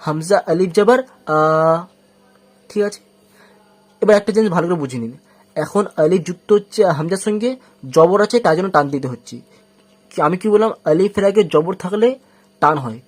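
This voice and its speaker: In a high-pitched voice, a man gives a step-by-step spoken lesson on reading the Quran. He patiently covers each rule slowly, repeating it many times, and asks questions that he then answers himself.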